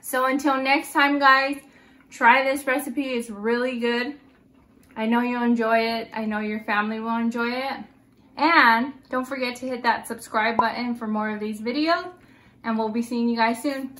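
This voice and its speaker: Chatty higher-voiced woman cooking host. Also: fairly even intonation, moderate pace, pushed and bright. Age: middle-aged. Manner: chatty, homey instructions to viewers. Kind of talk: home cooking demonstration.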